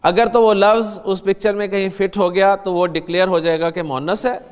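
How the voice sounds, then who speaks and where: A man's voice: sits high, little pitch movement, smooth, in a large hall. A man teaching a beginners' grammar lesson, patiently explaining step by step and asking the class questions.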